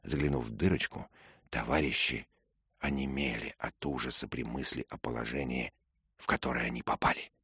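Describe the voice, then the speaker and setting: Very deep, husky male narrator. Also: fairly even intonation, normal speed, pushed and bright, no echo, clean studio sound. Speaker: audiobook reader. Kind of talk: scripted narration.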